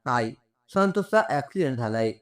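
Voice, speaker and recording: A man voicing a caring sister-in-law who asks anxious questions and then calmly takes charge in a storybook narration. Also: mid-range voice, normal speed, close to an everyday voice. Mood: worried.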